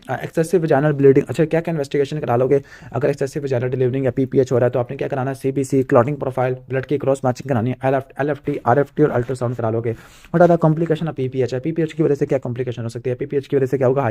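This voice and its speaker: Guy from pakistan doing quick revision notes, asks himself stuff then says clear, warm low-key voice. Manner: asks himself rhetorical questions, ticks off points with "clear"; rattles through memorized lists. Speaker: medical exam tutor. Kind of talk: fast exam revision lecture.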